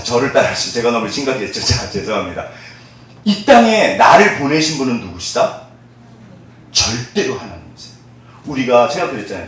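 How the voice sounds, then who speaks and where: A male pastor preaching a sermon, quizzing the congregation and having them repeat after him, often laughing. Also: fairly high pitch. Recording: very echoey hall, mic at a distance.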